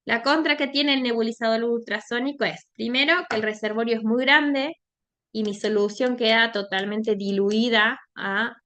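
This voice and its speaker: Higher-voiced woman giving a lecture. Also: fairly even intonation, moderate pace, fairly bright tone. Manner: conversational, often checks in with the class. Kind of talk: online lecture.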